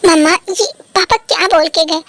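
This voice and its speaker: A woman's voice: very high voice, moderate pace, fairly bright tone, no room sound. A woman voicing a rebellious teenage son who refuses his father's orders in a fan dub. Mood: defiant. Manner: defiant, upset.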